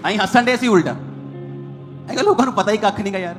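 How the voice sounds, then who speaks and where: A man's voice: high voice, fast, fairly bright tone, faint music behind. A man preaching a sermon as pastor, hammering his points in short repeated phrases.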